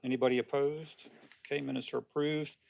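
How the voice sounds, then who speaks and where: Gravelly-voiced man chairing a meeting. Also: mid-range voice, level tone, darkish tone, a little hiss or hum. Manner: brisk procedural, leads prayer and votes. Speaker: committee chairman.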